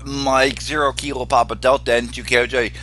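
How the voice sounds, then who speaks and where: A man casually hosting a ham radio net as its control operator, with a halting delivery full of pauses. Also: medium pitch, little pitch movement, a bit bright. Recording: noticeable hum and background noise.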